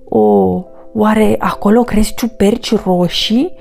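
A woman's voice: fairly even intonation, vocal fry, darkish tone, soft background music. A woman voicing a small, curious boar piglet who whines and cries like a young child. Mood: whiny. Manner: high, pleading, childlike.

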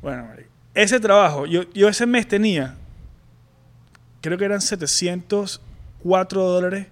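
A young man with a Venezuelan accent candidly telling a personal story on a podcast, halting and full of slang. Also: high voice. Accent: Venezuelan Spanish. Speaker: podcast co-host.

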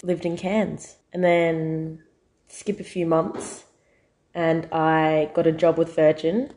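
Low-voiced young Australian woman. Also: mellow. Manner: earnest, encouraging. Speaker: guest. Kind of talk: casual interview chat.

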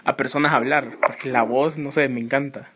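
A man's voice: mid-range voice, steady tone, a little fast, heavy background noise. A man chatting casually as he interviews someone. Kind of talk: casual chat.

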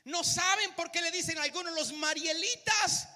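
A man preaching a live sermon, animated and speaking to the crowd with frequent questions. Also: very high-pitched, normal speed, big-room sound.

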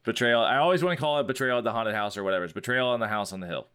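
A man's voice: fairly low pitch, expressive, racing, a bit bright, smooth. Easygoing male co-host who curses and laughs his way through an album review. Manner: loose and laughing, swears, many fillers. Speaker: podcast co-host. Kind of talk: casual chat reviewing an album.

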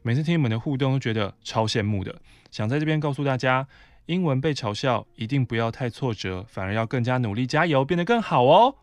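A man's voice: mid-range voice, lively intonation, brisk, no echo. A man from Taiwan hosts a podcast and reads a listener's letter aloud, adding short asides as he goes. His voice sits in a mid range for a man. The recording is dry and close, with no room sound. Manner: conversational reading with brief asides. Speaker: podcast host.

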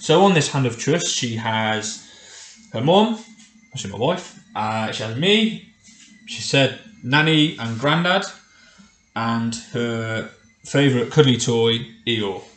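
A middle-aged man hosts a solo podcast in a casual, conversational way. His voice sits at an ordinary male pitch and rings with the roomy echo of a home kitchen. He addresses the listener directly, as if chatting one to one. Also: expressive, slow, a bit bright. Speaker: podcast host. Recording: echoey, roomy kitchen sound.

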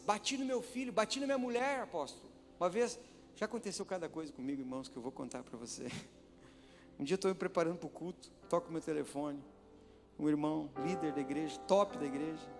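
High-voiced preaching man in a hall. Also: gravelly. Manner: dramatic preaching, swinging from hushed to shouted. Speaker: pastor. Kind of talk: sermon. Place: church. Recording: hall reverb with faint music.

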